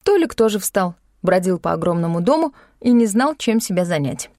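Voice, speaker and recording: Dry, calm woman reading a novel. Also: medium pitch, moderate pace, no echo. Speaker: audiobook narrator. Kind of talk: first-person novel narration. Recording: dry close studio sound.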